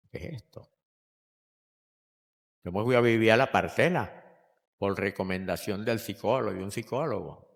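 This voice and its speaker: An older man delivering a Sunday sermon, his voice swelling on emphatic lines and dropping low as he tells a personal story. His pitch sits in a plain middle range. The sound rings with a long reverb tail from a large church hall. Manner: preaching with swings between loud emphatic lines and quiet storytelling. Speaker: pastor.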